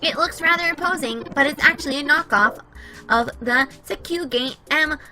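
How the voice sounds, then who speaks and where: A cute little male robot who explains everything with smug precision, as a woman puts him on. The voice sits high and very bright, with a glassy edge to it. Faint music hums underneath. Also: moderate pace, poor audio. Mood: lecturing. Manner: precise, lecturing, matter-of-fact. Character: cute, fussy, know-it-all male robot. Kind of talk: reading game dialogue aloud.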